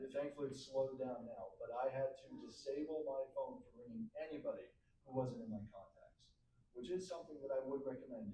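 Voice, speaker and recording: A man presenting at a cybersecurity outreach event, explaining in a relaxed, chatty way and giving practical advice. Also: medium pitch. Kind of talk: casual explaining to an audience. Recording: echoey room mic from a distance, background noise.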